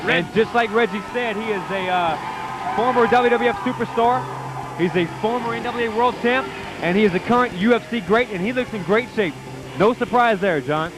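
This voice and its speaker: A man's voice: sits high, moderate pace, noisy background. A man giving live wrestling commentary from ringside in an enthusiastic, emphatic way.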